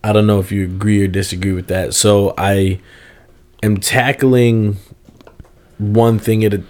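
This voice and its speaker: A man's voice: lowish voice, level tone, unhurried, darkish tone. A young man co-hosting a casual podcast, joking with playful slang. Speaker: podcast co-host. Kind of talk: casual chat.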